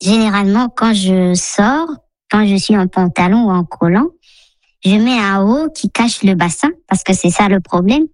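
A woman's voice: mid-range voice, darkish tone, no echo. A woman leaving a personal testimony as a recorded listener message, her voice altered by a voice changer. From DR Congo. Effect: voice changer, digitally disguised voice.

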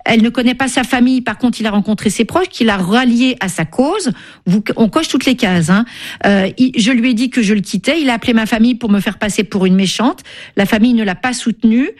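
A woman's voice: on the high side, brisk, a little mellow. A woman hosting a radio talk show, speaking in an emphatic, empathetic way and often repeating words. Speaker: radio host.

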